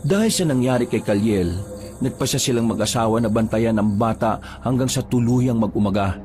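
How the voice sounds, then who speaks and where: A man reading a folk horror tale aloud as a storyteller, in a measured, storytelling way. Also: mid-range voice, darkish tone. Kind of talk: scripted horror story narration. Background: background music.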